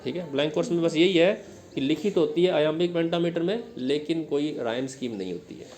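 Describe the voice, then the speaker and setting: Male teacher, exam-prep lecture, step-by-step explanations, question drills, slightly raised pitch. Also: moderate pace, darkish tone. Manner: explains step by step, often checks with "ठीक है?"; drills students with question-and-answer repetition.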